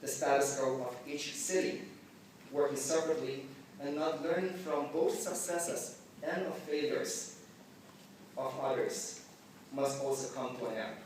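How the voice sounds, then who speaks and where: A man raised in the Philippines delivers a measured, formal welcome speech at a mid pitch. His voice reaches the mic from a distance and rings out through a very echoey hall. A faint hum of room sound sits behind him. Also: a little mellow. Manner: measured, deliberate delivery with occasional slips. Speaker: forum organizer giving welcome remarks. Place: large conference hall.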